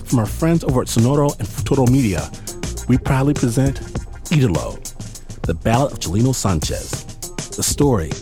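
Animated male podcast host introducing stories. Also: medium pitch. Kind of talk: scripted radio introduction. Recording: music bed behind the voice.

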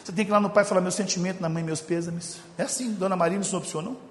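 Humorous Brazilian preacher in echoey hall. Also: male voice, high voice, fairly even intonation, racing, a little hiss or hum. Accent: Brazilian Portuguese. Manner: storytelling, jokes with the congregation, shifts from loud to hushed. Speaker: pastor. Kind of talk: humorous sermon. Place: church hall.

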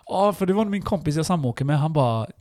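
A man's voice: a little high, no echo, clean studio sound. A young man, co-hosting a podcast in casual chat, telling stories animatedly, acting out what people said and laughing often. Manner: animated storytelling, acts out quotes, laughs often. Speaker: podcast co-host.

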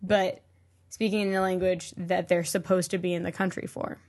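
A woman's voice: lowish voice, little pitch movement, normal speed, a little mellow. A woman co-hosting a podcast in casual chat, rambling with lots of fillers and laughs. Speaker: podcast co-host.

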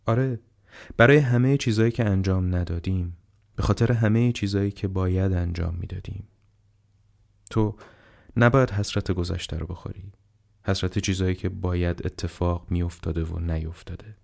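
A man voicing a frail, gravelly dying old man. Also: sits low, steady tone, darkish tone. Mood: gently urging. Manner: slow, halting, tearful.

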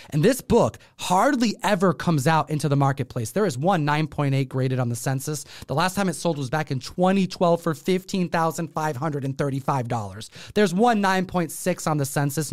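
A man's voice: fairly high pitch, no echo, studio quality. A man co-hosting a top ten countdown show, presenting in a slangy, hyped-up way. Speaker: co-host of comic book countdown show.

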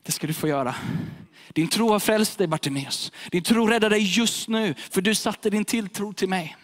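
A man voicing a calm, kind healer. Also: high-pitched. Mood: reassuring. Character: calm, kind adult male healer speaking gently. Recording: echoey hall reverb.

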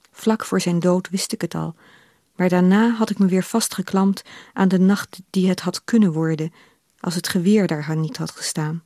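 Woman reading literary fiction on radio, measured pace, dry close studio mic. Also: on the low side, dark tone, no room sound. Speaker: reader of her novel.

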